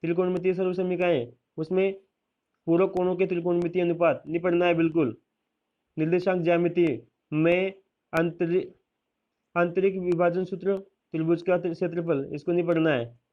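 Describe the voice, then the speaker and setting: High, flat-voiced man teacher. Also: normal speed, muffled recording. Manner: steady listing, reassuring asides. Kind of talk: explaining a school syllabus.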